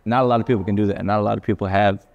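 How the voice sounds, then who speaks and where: A man's voice: on the low side, steady tone, racing, vocal fry, dull audio. A young man and college athlete being interviewed over dinner, easygoing, who often restarts and repeats words. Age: young adult. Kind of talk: casual interview chat. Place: indoors at a dinner table.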